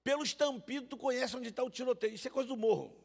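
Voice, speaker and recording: A man's voice: very high voice, fast talker, gravelly. A man preaching a sermon in church, telling stories and calling his listeners brothers. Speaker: pastor. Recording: reverberant church hall.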